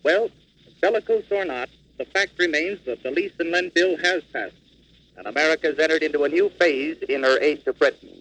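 A man, a foreign correspondent, gives a formal, measured live news report over a crackly old shortwave radio relay that sounds like an old newsreel. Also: a little high, a bit bright.

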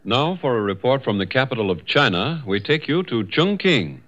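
A man's voice: medium pitch, sing-song, normal speed, a bit bright, a little hiss or hum. A man with an American accent makes formal announcements as a 1940s radio network announcer. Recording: muffled vintage 1940s radio broadcast.

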